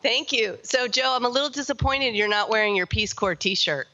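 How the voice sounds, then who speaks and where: A woman's voice: on the high side, moderate pace, sharp tone, dull audio. A woman hosting a live link-up event as a representative, upbeat and chatty. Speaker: event host, Peace Corps representative.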